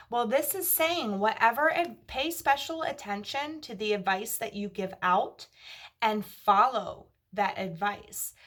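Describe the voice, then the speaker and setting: Woman giving a tarot reading, slightly creaky. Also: mid-range voice, a bit bright. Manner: reassuring, checks in with "okay?". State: voice wearing out after a long day. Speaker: tarot reader. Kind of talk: monthly tarot reading to camera.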